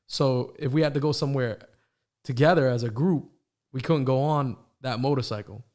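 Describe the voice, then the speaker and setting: Male podcast host, born in Morocco, raised in the States. Relaxed, friendly, chatty. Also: mid-range voice. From born in Morocco, raised in the United States. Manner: relaxed, friendly, quick affirmations and "bro". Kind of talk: casual podcast conversation.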